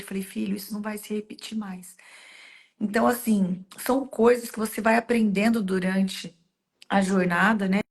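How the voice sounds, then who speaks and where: A woman hosting a faith-based conversation, telling stories earnestly and making heartfelt direct appeals to the listener. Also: medium pitch. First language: Portuguese. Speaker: host.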